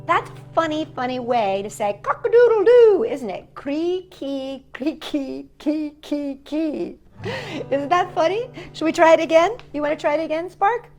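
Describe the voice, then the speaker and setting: A native English speaker hosts a chatty, playful storytime for young children, often tossing little tag questions to her companion and young viewers. Her high-sitting voice is animated and darkish, at a moderate pace over soft background music.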